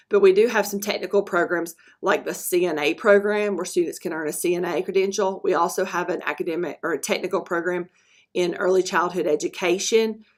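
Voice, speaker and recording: A woman presenting a school program as voice-over narration for a screen recording, talking in a halting way with frequent ums and self-corrections. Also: on the low side. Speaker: school dual enrollment presenter.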